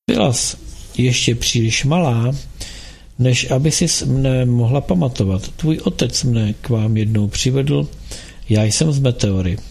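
A man voicing a calm, kind and mysterious young man in an audiobook, speaking earnestly and persuasively. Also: medium pitch, vocal fry, breathy edge. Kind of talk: audiobook dialogue.

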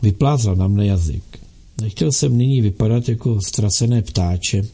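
A man reading a novel aloud as an audiobook narrator, in a steady, measured way. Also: on the low side, slightly rough, faint music behind.

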